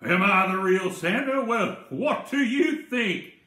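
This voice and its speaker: A man voicing a jolly cowboy Santa Claus who talks in a booming drawl. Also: animated, takes it slowly, bright, forceful tone, reverberant, full character voice.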